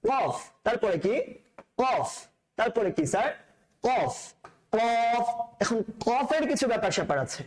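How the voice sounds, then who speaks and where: Male Quran teacher, high voice, very lively pitch, repeats letters in drills. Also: takes it slowly, poor audio. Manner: drills letters by repeating them, addresses the learner as sir, playful asides. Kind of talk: recorded lesson on Arabic letter pronunciation.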